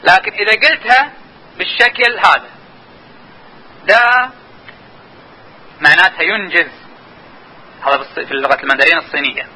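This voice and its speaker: Fast, bright-voiced male lecturer. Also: high-pitched, lively intonation, slightly rough, low-quality recording. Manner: explanatory, repeatedly urging listeners to watch and notice. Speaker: linguistics lecturer. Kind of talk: classroom lecture.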